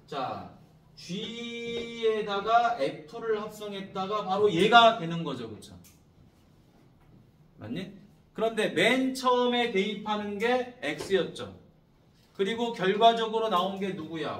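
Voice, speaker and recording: Animated math teacher in an echoey classroom. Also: male voice, high-pitched, distant mic, a little hiss or hum. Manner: keeps checking in with students, repetitive prompting questions. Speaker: high school math teacher. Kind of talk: classroom lecture.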